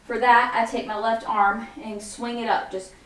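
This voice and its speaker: A woman's voice: on the high side, little pitch movement, normal speed. Young woman teaching a dance, echoey room. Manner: chatty, frequent fillers, sings lyric snippets while demonstrating. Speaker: dance instructor. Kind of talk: casual dance tutorial. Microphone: camera mic at a distance. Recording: echoey room, far from the mic.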